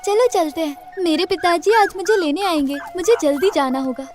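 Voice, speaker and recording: A timid little village girl, played by a woman, speaks in a very high, small and pleading voice. Background music runs under the dubbed film scene. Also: moderate pace, darkish tone. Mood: gentle. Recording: music playing under dialogue.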